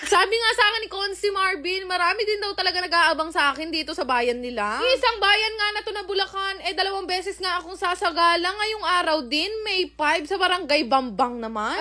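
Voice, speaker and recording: A woman's voice: very high voice, bright, forceful tone. A woman vlogger narrating her day in a casual voice-over, joking playfully and breaking into laughter between lines.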